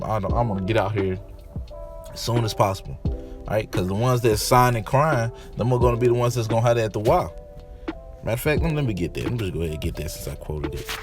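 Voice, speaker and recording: Man, casual street preacher, mid-pitched, faint music under the voice. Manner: casual slangy preaching, repeats himself, calls listeners "man". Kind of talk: informal sermon with scripture reading.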